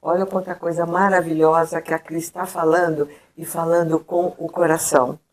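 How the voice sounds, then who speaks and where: A woman with a somewhat low voice hosts a live-stream interview. She heaps praise on her guest and turns to talk directly to the viewers. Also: little pitch movement, moderate pace. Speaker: host.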